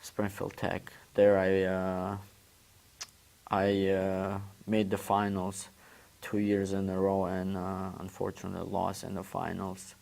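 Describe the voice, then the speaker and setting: A young man in his 20s from Uzbekistan, a former student athlete whose first language is Turkish, answers questions in a casual interview. His voice is deep, gravelly, and darkish, and his delivery is monotone. He speaks halting English and repeats words while he searches for how to phrase things.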